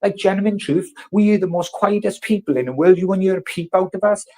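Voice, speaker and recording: Loud and confrontational, a South Wales man in his thirties vents at the camera in an angry rant, cursing nonstop. His voice is high-pitched and brisk, and he's a vlogger.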